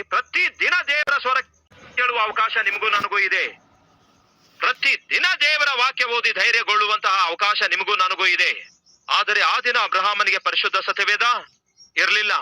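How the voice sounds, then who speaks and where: A man preaching with a high, very bright and forceful voice. He is dramatic, acting out the people in his story with wide swings of pitch, then leads a prayer. It sounds close and dry. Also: no echo, rough recording. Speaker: pastor. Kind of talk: sermon and closing prayer.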